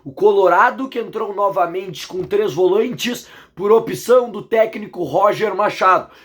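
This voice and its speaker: A hoarse man with a Brazilian accent, giving an indignant, emphatic football analysis as a vlog commentator. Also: sits high.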